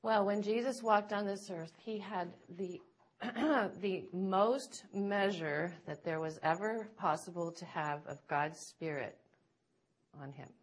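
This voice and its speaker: A woman's voice: medium pitch, takes it slowly. A middle-aged woman giving informal Bible teaching to a group, chatty and laughing often, checking in with "right?".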